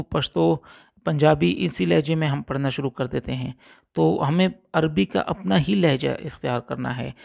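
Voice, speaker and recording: Male religious teacher, slightly high gravelly voice, patient explanatory recitation lesson that repeats letters slowly. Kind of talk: Urdu Quran recitation lesson.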